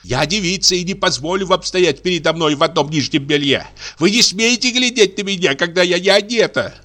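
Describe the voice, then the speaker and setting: A man voicing a stingy, scolding spinster woman in a shrill, nagging tone. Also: expressive, fairly quick, bright, forceful tone.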